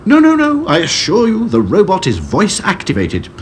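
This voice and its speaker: A man voicing an eager, boastful old male inventor who talks in a bubbly, excitable way. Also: sits high, normal speed, slight background noise, voice pushed up.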